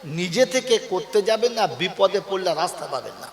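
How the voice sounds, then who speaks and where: A man's voice: high-pitched, expressive, moderate pace, echoey room, big-room sound. A man preaching a sermon to a gathering, calling out questions for the crowd to answer and telling folksy stories with acted quotes. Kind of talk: Bengali waz sermon to a crowd.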